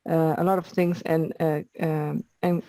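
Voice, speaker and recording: A woman's voice: low-pitched, flat delivery, a little slow, mellow, no echo. A woman at home telling a casual story over a video call, friendly and with some fillers. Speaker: session participant.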